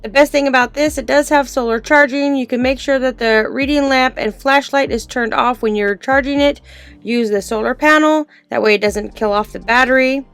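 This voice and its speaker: A product reviewer with a somewhat high, slightly bright and smooth voice gives a casual demonstration at normal speed. She walks through it informally step by step as music plays behind her.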